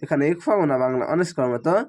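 A man teaching Quran reading, spelling each letter and vowel aloud, then chanting the whole word slowly. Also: mid-range voice, a little mellow.

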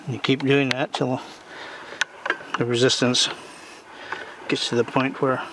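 A slightly slow, level, mid-range voice belongs to an older homesteading-channel host explaining chainsaw repair as he works in his backyard. His casual demonstration is folksy, rambling and plain-spoken. A distant camera mic records him outdoors, so noise comes through.

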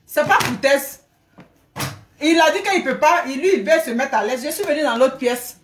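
A middle-aged woman chatting live to her viewers from a room at home, animated, often laughing, thanking people by name. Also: high-pitched, moderate pace, slight background noise. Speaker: livestreamer. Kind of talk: casual live stream chat. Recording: echoey room.

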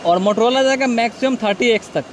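A man with a high voice talks outdoors while he tests phones, recorded on the phone's own microphone. He calls out each step as he goes in a casual, hands-on way. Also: fairly quick, slight background noise. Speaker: tech reviewer. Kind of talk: casual on-the-spot demo. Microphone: phone's built-in microphone.

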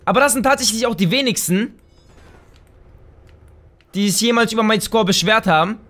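High, bright, excitable gamer man. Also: brisk. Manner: excitable, bursts into loud shouts and exclamations; chatty, talks straight to viewers. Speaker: gaming channel host. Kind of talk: let's play gameplay commentary.

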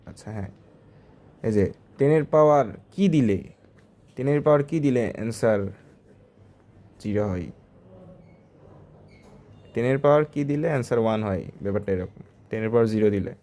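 A man's voice: mid-range voice, fairly quick, long pauses, warm tone. Guy explaining exam math problems, conversational, keeps asking if you follow. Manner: conversational, asks the listener short checking questions. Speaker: math tutor.

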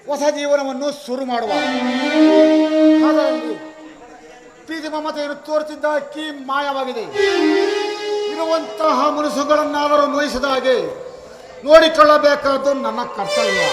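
Guy acting as grieving village dad, widower, loud stagey lament, really high voice. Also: steady tone, moderate pace, pauses often, echoey room, in a large hall, loud music behind the voice. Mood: resolute. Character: grieving widowed village father, head of house. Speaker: stage actor.

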